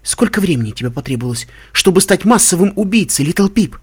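A man voicing a judgmental female pony healer, with an accusing tone and husky voice. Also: sits high, lively intonation, fast, pitched above the performer's own voice.

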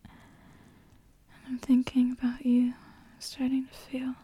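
A woman in an intimate, erotic whispered ASMR role-play for one adult listener, breathy and halting, speaking right in the ear. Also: high voice, monotone, warm tone, no room sound. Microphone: very close microphone, dry.

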